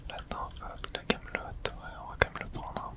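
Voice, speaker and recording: This ASMR let's play is delivered entirely in a breathy whisper, bright and airy with no voiced tone. The streamer mutters brisk, informal reactions to the game for viewers, dropping the odd mild swear.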